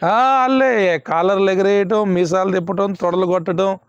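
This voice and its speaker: High-voiced pastor. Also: male voice, steady tone, moderate pace, smooth, no echo. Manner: emphatic, repeats questions to the congregation. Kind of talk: sermon. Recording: dull lo-fi, dry sound.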